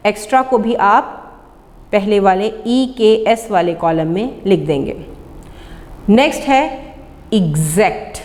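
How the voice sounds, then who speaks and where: A woman with a Pakistani accent, teaching an English lesson and slowly sounding out each word. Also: fairly high pitch, darkish tone, big-room sound. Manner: slow, deliberate sounding-out of words. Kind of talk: classroom lesson on pronunciation.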